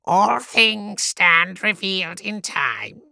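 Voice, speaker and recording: Man voicing a creaking old female tree spirit, very high and swooping, slow, gravelly, dry sound. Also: very animated, sharp tone, dry recording, exaggerated voice. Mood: cryptic. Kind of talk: audiobook character voice.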